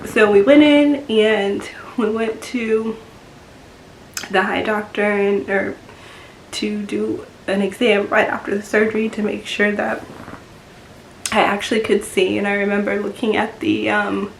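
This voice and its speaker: A woman telling a personal story-time vlog, halting and full of fillers, sometimes getting emotional. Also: mid-range voice, monotone, vocal fry. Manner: halting, lots of fillers and restarts, emotional at times. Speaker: beauty vlogger. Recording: echoey room with faint background noise.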